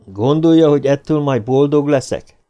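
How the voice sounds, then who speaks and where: A man's voice: a little high, dark tone, close to an everyday voice. A man reading an audiobook, voicing an agitated, grieving young man in his twenties. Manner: pleading, heated outbursts.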